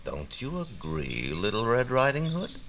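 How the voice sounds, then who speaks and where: A man voicing a sly, polite big wolf in a storybook, soft and smooth. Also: mid-range voice, wildly swooping pitch, unhurried, background noise.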